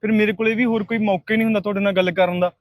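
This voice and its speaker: A man plays a persistent young suitor who speaks in a slightly high, earnest voice with a Punjabi accent. He keeps apologizing and pleading. The sound is dry and close. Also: steady tone, rapid-fire, no room sound, natural voice. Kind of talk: short film acting.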